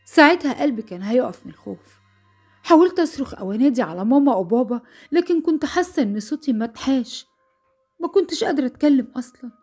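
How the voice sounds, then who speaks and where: Brief: Egyptian female storyteller, young, fearful and quick, warm husky tone. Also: high voice, lively intonation, faint music behind. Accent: Egyptian Arabic. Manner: breathless, fearful retelling. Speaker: narrator. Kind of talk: dramatic first-person horror storytelling.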